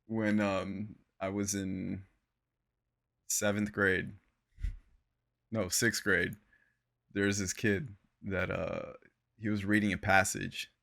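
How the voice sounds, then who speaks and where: A man's voice: low-pitched, flat delivery, slow, creaky, long pauses, bright, forceful tone. A young man co-hosting a podcast in casual chat, laid-back and slangy, laughing often and trailing off. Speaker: podcast co-host.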